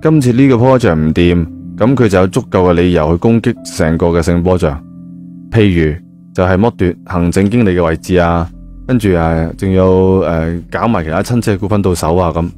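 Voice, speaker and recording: This Cantonese-accented man narrates a novel in a mellow, low voice, speaking a little fast. His style is colloquial storytelling sprinkled with spoken particles, set against a music bed.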